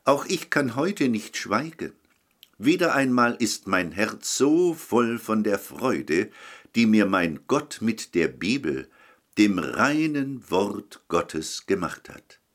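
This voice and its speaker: Slow, deep-voiced man preaching. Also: sing-song. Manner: warm, pleading, addresses listener directly. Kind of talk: recorded telephone sermon.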